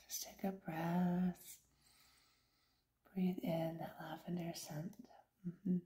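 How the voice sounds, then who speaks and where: A middle-aged woman doing an ASMR role-play as a soothing, gentle hair stylist, with a breathy, slightly creaky soft voice, getting over an illness. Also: lowish voice, level tone. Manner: soothing, unhurried, gentle reassurance. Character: calm, attentive female hair stylist. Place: small indoor room with fabric backdrop.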